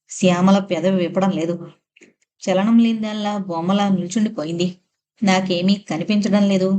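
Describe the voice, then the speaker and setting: A woman's voice: mid-range voice, mellow. A woman narrating a novel aloud in the first person, with an emotional reading style. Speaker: audiobook narrator.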